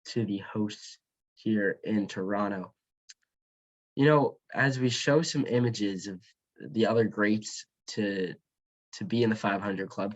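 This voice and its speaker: A man giving baseball play-by-play commentary in a conversational, explanatory broadcast manner. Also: on the low side. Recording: dull, lo-fi sound.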